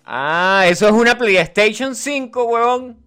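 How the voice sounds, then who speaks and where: A man hosting a casual live stream, teasing his friends in excitable, slang-heavy banter. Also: very high-pitched, a little slow, smooth, soft background music. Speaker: streamer host.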